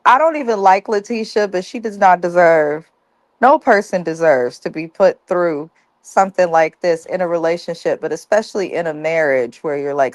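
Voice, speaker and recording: A woman's voice: lowish voice, no echo. A woman co-hosting a TV recap, talking bluntly and profanely in a casual, ranting way. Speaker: co-host of a TV recap show. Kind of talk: casual review chat.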